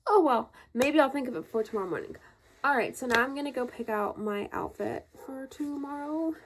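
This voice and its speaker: Chatty woman with a gravelly edge. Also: high-pitched, lively intonation, a little fast, slight background noise. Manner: chatty and rambling, with many fillers. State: a bit out of breath. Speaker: vlogger. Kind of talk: casual chat. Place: home, indoors.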